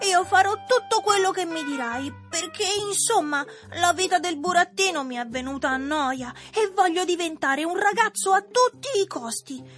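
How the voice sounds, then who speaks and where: A cheeky, impulsive puppet boy with a very high, childlike voice. He rushes his words with strong feeling, and music plays clearly behind him in this radio storybook. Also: lively intonation, a bit bright. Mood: pleading. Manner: quick, emotional pleading. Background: background music.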